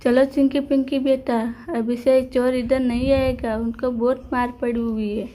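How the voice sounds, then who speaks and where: A woman's voice: sits high, flat delivery, measured pace, dark tone. A woman voicing a stern village father. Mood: gentle.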